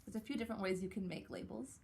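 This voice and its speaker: A young adult woman teaching a writing lesson to young children, gently coaxing and sounding out words slowly. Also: medium pitch, gravelly.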